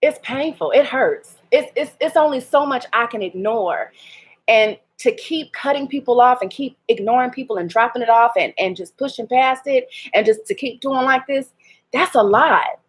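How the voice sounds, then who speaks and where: A woman's voice: on the high side, lively intonation, moderate pace, husky. A woman, talking candidly in a personal vlog, hurt and laughing ruefully through her restarts. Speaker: vlogger.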